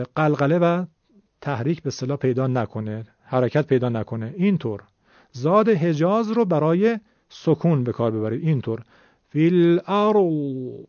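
A middle-aged man teaching Quran recitation, explaining patiently and demonstrating sounds slowly. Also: fairly high pitch, warm tone, no echo. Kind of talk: explanatory lesson. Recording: dull lo-fi recording.

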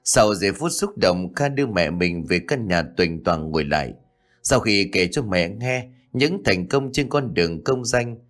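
Guy reading a ghost story, lowish voice, steady pace, faint music behind. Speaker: narrator. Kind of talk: scripted ghost-story narration.

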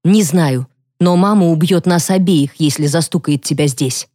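A woman reading an audiobook voices a bossy, protective teenage girl giving hushed, urgent commands. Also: low voice, normal speed. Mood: urgent whisper.

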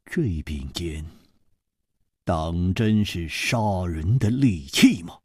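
A man's voice: low voice, lively intonation, slow, breathy edge, no echo, studio quality, voice pushed down, heavily acted. A man voicing a gracious, modest male swordsman hero who laughs easily as he talks, in a storytelling performance. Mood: easygoing. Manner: easy laughing asides.

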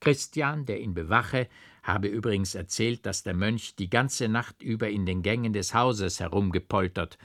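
A man narrating a classic novel as an audiobook, with measured rhythm and careful stress. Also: on the low side, fairly bright tone, dry recording, clean studio sound. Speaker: audiobook reader.

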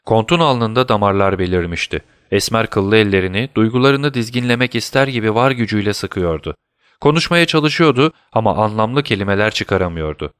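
A man narrating an audiobook in a measured, even storytelling manner. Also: fairly low pitch, clean tone, no room sound, clean studio sound. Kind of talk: scripted narration.

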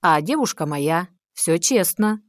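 A scheming male demon lord, cold and predatory, coaxing and mocking in a low, dry voice, as a woman reads him in an audiobook. His menace is quiet, not shouted. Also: expressive, a little slow, dry recording.

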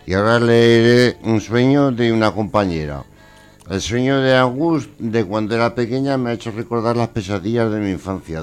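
A man speaking casually about his dreams, then reading a companion's dream aloud in a plain, measured way. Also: lowish voice. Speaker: participant reading listener dreams.

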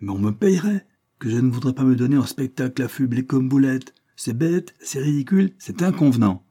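A man reading an audiobook, voicing an irascible, sarcastic older spinster who scolds in loud outbursts. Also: on the low side, expressive, moderate pace, slightly rough. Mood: scolding. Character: irascible sharp-tongued older spinster woman.

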